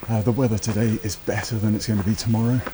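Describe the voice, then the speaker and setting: A British man who vlogs about running chats casually to camera in a lowish, steady voice, talking fast. The vlog recording is noisy, with clicks.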